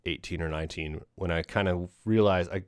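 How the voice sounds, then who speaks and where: Deep voiced podcast guy rambling about a movie, lots of "like", swears a bit, dry sound. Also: steady tone, brisk, clean tone, no room sound. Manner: rambling, full of "like" and restarts; swears casually. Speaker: podcast host. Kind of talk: casual film discussion.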